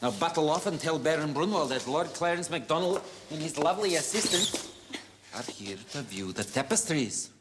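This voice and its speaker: An actor playing an adventurer who poses as a haughty Scottish lord, using a put-on Scottish accent in a blustering manner. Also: male voice, a little high, animated, moderate pace, big-room sound, heavy background noise, natural voice. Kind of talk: film adventure.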